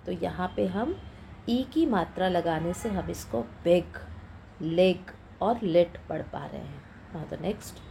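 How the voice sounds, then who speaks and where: Woman slowly spelling out phonics words. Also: on the low side, creaky, warm tone, a little hiss or hum, low-quality recording. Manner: slow, spells letters one by one and repeats each word. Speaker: teacher.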